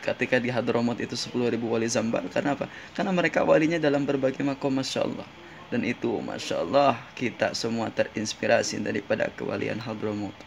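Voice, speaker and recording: A man's voice: mid-range voice, fast talker, gravelly, a little hiss or hum. A man giving a casual Islamic sermon, reciting Arabic sayings and translating them, often asking his listeners if he's right. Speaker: preacher. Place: in Jeddah.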